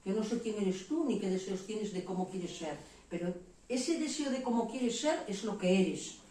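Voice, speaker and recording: Her voice at medium pitch and moderate pace, a Spanish woman preacher delivers a candid, animated testimony sermon, taking on the voices of those she quotes, herself among them. She sounds far from the microphone, her words echoing heavily around a church hall with a faint hum beneath.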